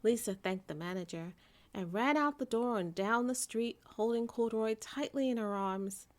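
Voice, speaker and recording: A woman narrating a bedtime story for children in an expressive storytelling manner. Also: fairly high pitch, normal speed. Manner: expressive storytelling, character voices for dialogue.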